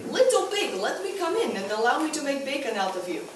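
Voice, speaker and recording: A woman's voice: high-pitched, very animated, quick pace. A woman voicing a hungry male wolf who demands to be let in, in a pushy, gleeful way, recorded from far off in an echoey church hall with noise behind. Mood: demanding.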